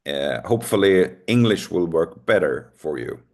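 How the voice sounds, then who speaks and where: Lecturing on a recording, this Swedish man in middle age speaks English as a second language with a clear Swedish accent. His voice sits low but animated at a moderate pace, and he hedges with many ums and uhs, often putting himself down.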